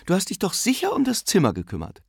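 Old aunt, excitable and fussy, high shrill exclamations, voiced by a male audiobook reader; dry close sound. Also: fast, vocal fry, husky, dry recording, full character voice. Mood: fussing.

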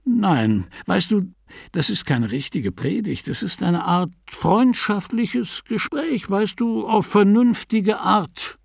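A man reading a calm, self-assured middle-aged Dublin man who talks with confident authority. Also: high-pitched, slow, vocal fry, no room sound, studio quality, pitched above the performer's own voice, full character voice. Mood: persuading.

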